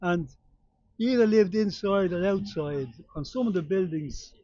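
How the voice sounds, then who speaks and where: An older man with a Dublin Irish accent, reminiscing in casual conversation in a halting way, with repeated yeahs. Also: high voice, mellow, no room sound, dull audio. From Dublin, Ireland. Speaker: local resident being interviewed.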